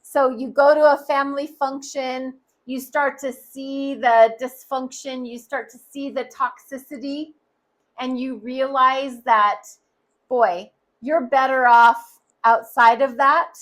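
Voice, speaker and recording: A woman's voice: sits high, fairly even intonation, slow pace, a bit bright. A woman giving a tarot card reading, speaking earnestly and straight to the listener. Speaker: tarot reader.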